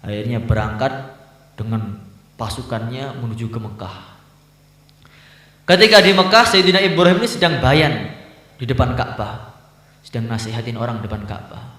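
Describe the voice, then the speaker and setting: A man's voice: medium pitch, very animated, moderate pace, pauses often. Dramatic male preacher in an echoey room. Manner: dramatic, swings between quiet telling and loud outbursts. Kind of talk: sermon storytelling.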